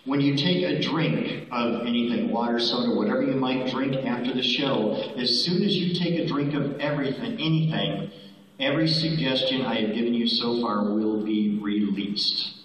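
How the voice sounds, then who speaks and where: A man working as a stage hypnotist, giving slow, repetitive suggestions to volunteers in a school gym, sometimes shouting playful lines for them to repeat. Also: medium pitch. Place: school gym with a live audience. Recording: distant echoey gym recording, muffled, with a loud crowd.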